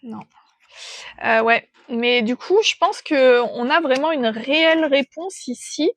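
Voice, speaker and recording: A woman with a fairly high voice reads tarot cards for her listeners, feeling her way through the message in a gentle, hesitant manner. She thinks aloud and pauses often as she senses the cards. Her voice is close and dry, with no room sound. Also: dry recording. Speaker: tarot reader.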